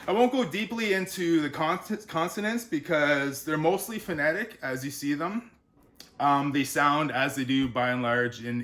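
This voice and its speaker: A male author giving a relaxed, unscripted pronunciation lesson, sounding out words syllable by syllable between frequent fillers. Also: medium pitch.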